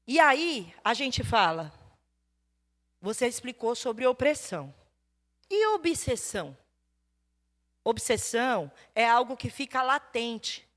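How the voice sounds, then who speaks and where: A middle-aged Brazilian woman preaching a teaching sermon, telling a story with lively acted-out dialogue. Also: fairly high pitch. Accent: Brazilian Portuguese. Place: church hall. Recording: long church hall reverb.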